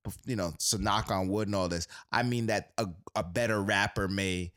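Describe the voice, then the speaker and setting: A man's voice: on the low side, steady tone, moderate pace, a bit bright. A man co-hosting a podcast in casual chat, playful and stammering. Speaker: podcast co-host.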